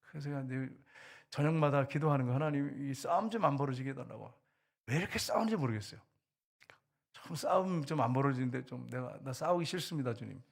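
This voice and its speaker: A man's voice: mid-range voice, quick pace, vocal fry. An older man, a pastor, preaching and telling a story from his own life, acting out the voices of the people in it. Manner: animated storytelling, acting out quoted soldiers. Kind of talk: sermon testimony. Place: church.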